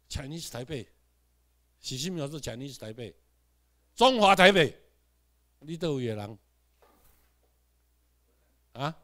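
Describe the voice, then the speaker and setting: A man lecturing a class in a fairly high voice. He peppers the room with rhetorical questions and has the class repeat words after him. His delivery jumps from loud, emphatic stretches to low asides. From Taiwan. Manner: swings between loud emphatic bursts and quiet asides.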